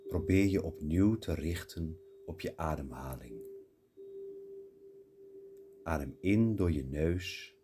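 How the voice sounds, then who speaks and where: A man guiding a mindfulness meditation, giving calm, unhurried breathing instructions with long pauses. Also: extremely low pitch, background noise. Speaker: meditation guide.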